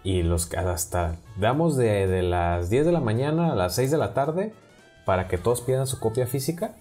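A man's voice: fairly low pitch, big pitch swings, normal speed, mellow, soft background music. A man with a northern Mexican accent in casual, slangy, rambling podcast talk as a co-host. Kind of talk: casual chat about video games.

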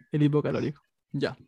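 A man's voice: a little high, creaky, a little mellow, slightly rough, dry recording. Playful Chilean man reading dreams aloud. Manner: playful, laughs often, slangy. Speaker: podcast co-host reading listener dreams. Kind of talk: casual chat, reading messages aloud.

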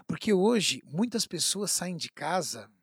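A man's voice: high voice, sing-song, unhurried, a bit bright, breathy edge, no room sound, studio quality. A man with a Brazilian Portuguese accent telling an emphatic personal story in a casual talk.

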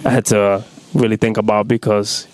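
A man co-hosting a casual podcast chat, talking in a relaxed, rambling way with restarts. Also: lowish voice, normal speed, slight background noise. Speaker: podcast co-host.

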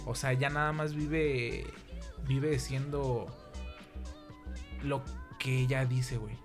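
A man's voice: mid-range voice, fairly even intonation, slow, over music. A man with a Mexican Spanish accent, laid-back and slangy, chatting as a co-host. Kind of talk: casual chat.

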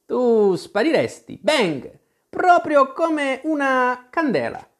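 A reader voicing Tweedledum, a pompous, fussy boy twin in a storybook, talking high, loud and scornfully. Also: sing-song, slow, heavily acted. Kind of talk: storybook reading.

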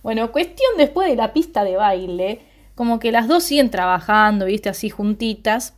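Young Argentine woman, Rioplatense accent, casual recap chat, lively storyteller, voice sits a little high. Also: normal speed. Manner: animated storyteller, jumps high to act out quoted lines. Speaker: series recap co-host.

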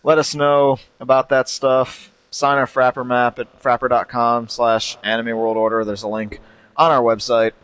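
A man's voice: mid-range voice, a bit bright. A man hosting a podcast in a casual chat, wordy and wry with a self-deprecating way of talking. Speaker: podcast host.

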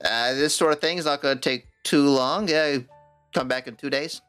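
A man's voice: on the high side, normal speed, fairly bright tone, clean tone, soft background music, voice pushed up, natural voice. Man doing a bragging gnome blacksmith. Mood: boastful. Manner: cheerful, bragging, playful. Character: boastful male gnome blacksmith, jovial. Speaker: game master voicing a shopkeeper.

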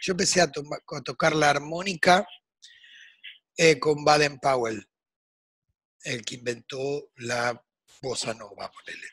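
Older Rioplatense man, guest musician, husky raised voice, emphatic and swinging between hush and shouts. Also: on the high side, steady tone, measured pace, long pauses. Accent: Rioplatense Spanish. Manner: emphatic, swings from hushed to loud. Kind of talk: impassioned interview monologue.

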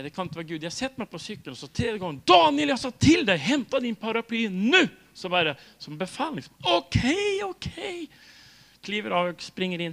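A middle-aged Swedish man preaching a sermon, telling stories with laughs and acting out dialogue. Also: on the high side. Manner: lively storytelling with laughs and acted-out dialogue. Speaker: pastor.

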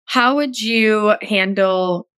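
A woman's voice: mid-range voice, extremely slow, fairly bright tone, clean tone, no echo, studio quality. A woman podcast host asking open interview questions and rephrasing her guest's points.

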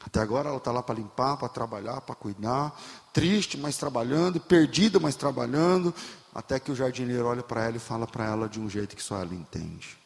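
A man preaching a sermon as pastor, swinging from quiet, low passages to impassioned shouting. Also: brisk, gravelly, big-room sound. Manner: builds to impassioned shouting, then drops low.

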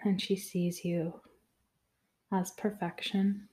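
A woman guides a meditation in a gentle, soothing voice that often falls to a whisper. She speaks very slowly and evenly, in a low, mellow tone with almost no rise and fall. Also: level tone, breathy edge.

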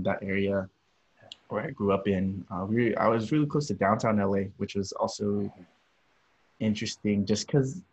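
A young man from Los Angeles, a podcast guest, talking about his upbringing in a relaxed, rambling way with many fillers. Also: on the low side, gravelly, husky. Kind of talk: casual interview. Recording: dull lo-fi audio.

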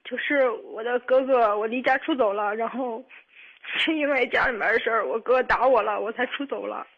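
A woman of twenty-two calling a radio show, upset and tearful, speaking in halting, repetitive bursts. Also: fairly high pitch, breathy edge, muffled recording. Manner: halting, repetitive, restarts often. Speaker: caller. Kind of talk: radio call-in.

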